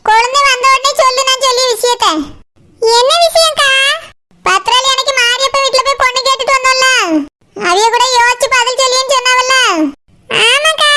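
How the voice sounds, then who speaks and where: A woman with a Kanyakumari Tamil accent, chatty and coaxing as she voices cartoon village women. Her voice is very high and bright.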